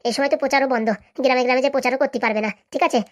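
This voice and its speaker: Woman as a bossy scheming cartoon aide, high and very fast. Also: fairly even intonation, no room sound, studio quality, close to an everyday voice. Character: scheming female campaign aide, sly and bossy.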